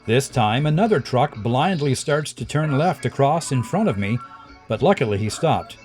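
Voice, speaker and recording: A man's voice: mid-range voice, expressive, normal speed, a little mellow. Man narrating over music. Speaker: narrator of a dash cam video series.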